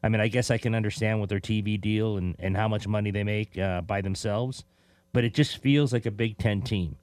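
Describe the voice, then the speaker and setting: A man's voice: lowish voice, fairly even intonation, brisk, darkish tone, no room sound. A male sports radio co-host in casual talk, reasoning aloud conversationally and repeating words as he goes.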